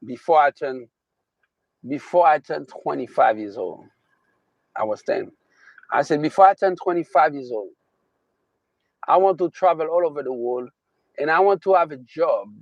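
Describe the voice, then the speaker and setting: Speaking at a medium pitch, this motivational speaker from Haiti has a Haitian accent and delivers his talk emphatically, repeating key phrases and stretching out stresses slowly. The audio sounds dry and muffled.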